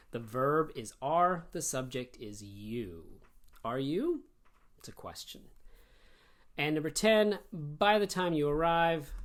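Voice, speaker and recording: Animated male English teacher. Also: on the high side. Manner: animated, explains step by step. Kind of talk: online grammar lesson.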